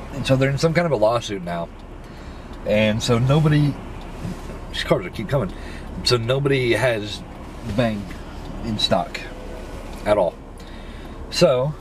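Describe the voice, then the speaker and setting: A man in his thirties, a vlogger chatting casually and teasing from a parked car, picked up by a dashboard camera. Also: mid-range voice. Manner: joking, teasing. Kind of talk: casual chat. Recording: noisy car interior.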